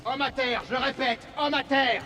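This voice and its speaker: Guard on radio chatter. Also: male voice, very high-pitched, steady tone, moderate pace, big-room sound. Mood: urgent. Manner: clipped call-outs. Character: terse male guard calling over radio. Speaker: security guard. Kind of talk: French game dub. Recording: distant, loud game noise.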